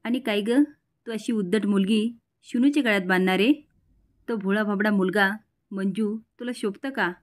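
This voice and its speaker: A woman's voice: medium pitch, moderate pace, natural voice. A woman reading as a scolding older man. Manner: read out within a plain recap.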